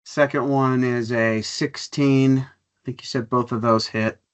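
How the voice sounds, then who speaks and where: A man's voice: mid-range voice, steady tone, unhurried, smooth. A man playing a tabletop game, calling out his attack rolls and damage. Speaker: player.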